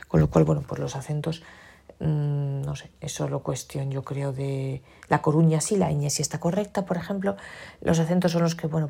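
Gravelly, husky woman from explaining. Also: low-pitched, a little mellow. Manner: explains patiently while operating a device. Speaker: tutorial presenter. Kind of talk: step-by-step device tutorial.

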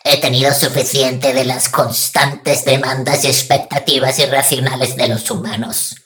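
A woman with a Spain Spanish accent playing a fed-up, scheming female AI in a comic radio sketch, with a cold, deadpan, menacing manner. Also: rumbling low, normal speed. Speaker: radio show AI co-host.

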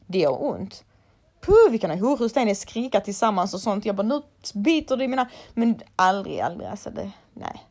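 Blunt young woman with vocal fry. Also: mid-range voice, sing-song, a little mellow. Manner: blunt, outspoken, swears freely. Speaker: laser hair removal technician. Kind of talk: casual chat to followers.

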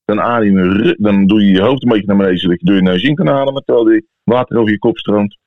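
Speaking quickly in a fairly low voice, a Dutch-accented podcast host from the Netherlands keeps things casual and informal. The audio is thin, like a phone, with an echoey room and slight background noise.

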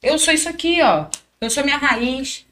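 High bright-voiced woman storyteller. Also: normal speed. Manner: animated, acts out quoted dialogue. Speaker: guest, professional fighter. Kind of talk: casual interview storytelling.

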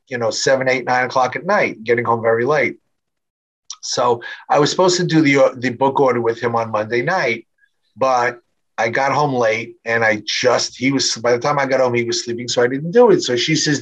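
A man's voice: medium pitch, a bit bright. A middle-aged man telling his own story to an audience in a conversational way, with plenty of fillers, restarts and wry humor. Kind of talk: personal storytelling talk. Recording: slightly dull, muffled sound.

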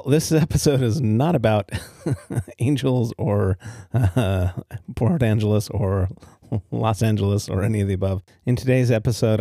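An American man hosts a solo podcast, telling stories in a casual, easygoing way and often chuckling at his own remarks. His voice is on the low side and mellow, recorded at studio quality with no echo.

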